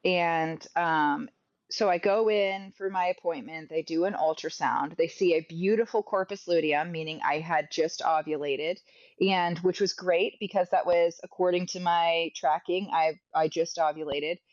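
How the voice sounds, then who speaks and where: A hoarse woman frankly telling a personal story in casual conversation, coughing now and then. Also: lowish voice, fairly even intonation, a little slow, no echo, lo-fi sound. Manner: frank, chatty, occasional coughs. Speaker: podcast guest sharing a personal story.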